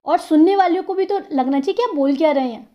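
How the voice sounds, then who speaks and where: A woman teaching an English grammar lesson, explaining patiently and sounding out example words slowly, syllable by syllable, and often checking in with the listener. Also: very high-pitched, warm tone, dull audio. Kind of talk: classroom-style grammar lesson.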